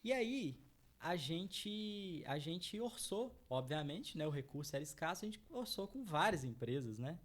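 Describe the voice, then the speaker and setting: This middle-aged man from Minas Gerais, Brazil, who founded a chocolate brand, speaks unhurriedly in a fairly high voice with big pitch swings. Explaining his business in an interview, he addresses the audience and earnestly checks in with frequent "né?" ("right?").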